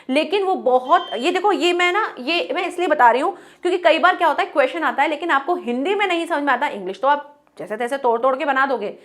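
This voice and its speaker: A woman's voice: high-pitched, a bit bright. A woman teacher explaining an English lesson in with English words mixed in, asking rhetorical questions and acting out short exchanges. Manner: acts out little exchanges of dialogue to make points.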